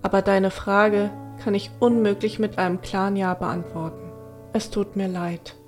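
An earnest young girl in a storybook audiobook, nervous and apologetic, stumbling over her words, as a woman reader gives her voice. Her pitch stays in a middle range, soft and unsure. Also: fairly even intonation, faint music behind, natural voice. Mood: hesitant. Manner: hesitant, halting, apologetic.

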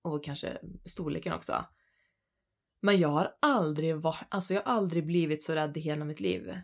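A Swedish woman in her thirties, co-hosting a podcast and telling a spooky personal story in an animated, chatty way. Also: low-pitched. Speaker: podcast co-host. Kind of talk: casual storytelling chat.

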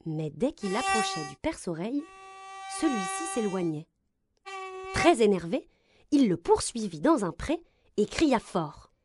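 A woman reading a children's story aloud, with expressive, gentle narration. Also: medium pitch, a little slow, long pauses, slight background noise.

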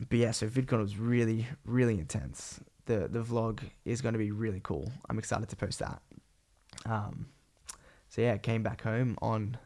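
A young man with an Australian accent talks in a low, gravelly voice, croaky and thick with phlegm from being sick. He rambles through a casual solo podcast catch-up with plenty of slang. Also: darkish tone. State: sick with a cold, voice partly gone. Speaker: podcast host and vlogger.

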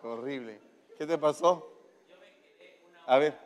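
A man's voice: a little high, slow pace, some chatter behind. Man, playful questioning preacher, long hall echo. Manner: playful, teasing, coaxing questions. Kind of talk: interactive sermon with congregation.

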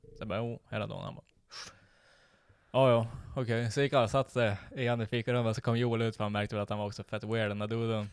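A man's voice: fairly low pitch, clear, resonant tone, no echo, clean studio sound. Laughing man telling a story. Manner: animated storytelling with slang, laughing often. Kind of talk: casual chat.

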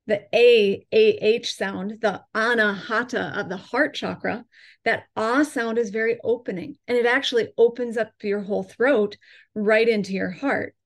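A woman who teaches yoga and chakras, explaining her ideas in an interview in a measured, instructive way and slowing down to draw out vowel sounds as she demonstrates them. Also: medium pitch.

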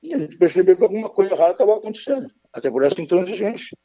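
A man's voice: high-pitched, sing-song, very fast, dark tone, no echo. A man speaking formally as a radio guest over a choppy phone line that keeps breaking up, with frequent hesitations. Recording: muffled dry phone call.

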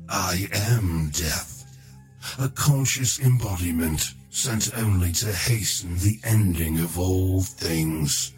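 A man voicing a hulking undead giant who calls himself death, speaking in slow, grave, menacing pronouncements. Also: deep voice.

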